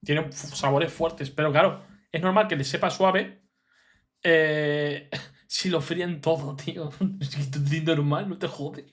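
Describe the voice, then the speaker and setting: A Spanish-accented man comments casually on a video. He speaks in a slightly high voice and delivers blunt, slangy, incredulous reactions. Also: steady tone, measured pace, fairly bright tone. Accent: Spain Spanish. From Spain. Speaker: reaction streamer.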